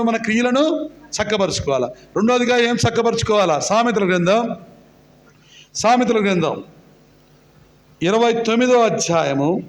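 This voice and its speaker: A man preaching a sermon, questioning the congregation and urging them to answer loudly. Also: high voice. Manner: questions the congregation and urges loud replies. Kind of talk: call-and-response sermon. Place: church meeting hall. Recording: echoey hall.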